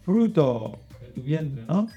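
A man hosts a children's religious quiz show, reading out clues and then coaxing contestants with hints. His fairly high voice is very animated yet slow, with a breathy edge. The highs are cut off, and faint music plays behind him.

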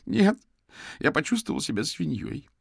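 A man's voice: a little high, big pitch swings, moderate pace, creaky, husky, no echo, clean studio sound, pitched above the performer's own voice, heavily acted. A man doing a frightened, tearful young man. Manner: stammering, shaky, near tears.

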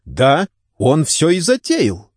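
A man's voice: fairly high pitch, wildly swooping pitch, slow, a little mellow, no echo, voice pushed up, heavily acted. A man voicing a weary middle-aged suspect who answers detectives in a dry, resigned way.

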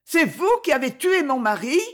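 A woman voicing a terrified, defiant young widow whose voice comes out hoarse and trembling. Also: fairly high pitch, sing-song, a little slow, voice pushed up. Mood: horrified.

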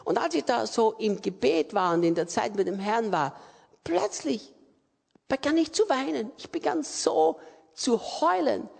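Husky, gravelly Austrian preacher in a hall. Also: male voice, extremely high pitch, animated, a little slow. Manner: emphatic preaching with repetitions. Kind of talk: sermon. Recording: reverberant hall.

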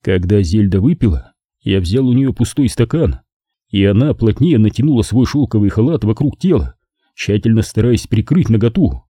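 A man reading a first-person detective novel aloud, measured and dramatic. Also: on the low side, lively intonation, warm tone, no echo, studio quality. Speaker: audiobook narrator.

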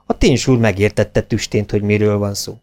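A man reading a children's audiobook aloud, expressive, dropping his voice on the narration tags. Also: fairly low pitch, soft background music. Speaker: audiobook reader.

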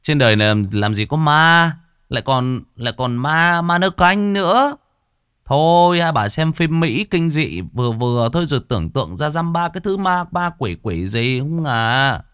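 A man's voice: on the low side, big pitch swings, fairly quick, no echo, studio quality. A man voicing a skeptical young man who teases his friends. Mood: mocking. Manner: teasing, mocking.

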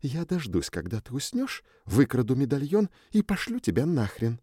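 A man voicing a sulky, sharp-tongued young woman who grumbles and talks sarcastically. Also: medium pitch, wildly swooping pitch, moderate pace, slightly rough, dry recording, clean studio sound, pitched above the performer's own voice. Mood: sarcastic.

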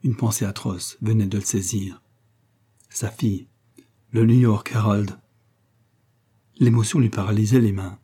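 A man reading an audiobook novel aloud in a measured, even storytelling manner. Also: lowish voice, breathy edge. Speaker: audiobook reader. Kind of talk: scripted narration.

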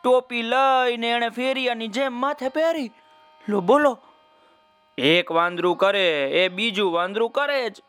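Male storyteller for kids, high clear voice, unhurried delivery, talks straight to little listeners. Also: no echo. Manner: warm, addresses young listeners directly by name. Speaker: children's storyteller. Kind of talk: children's story narration.

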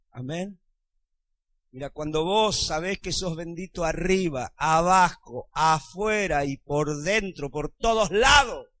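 A pastor with a Rioplatense Spanish accent and a fairly high voice preaches in church, sweating and losing his voice. He swings between hushed lines and shouting, repeatedly calling on the congregation to respond, with no room sound on the recording.

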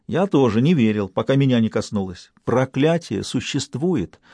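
A man's voice: mid-range voice, expressive, normal speed, mellow, slightly rough, no room sound. A man reading an audiobook, voicing a panicky young male bank clerk in a hysterical, pleading way.

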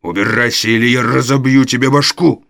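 A man's voice: medium pitch, fairly even intonation, brisk, fairly bright tone, no room sound, clean studio sound. A man voicing a brutal male burglar who growls threats. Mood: threatening. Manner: gruff, threatening.

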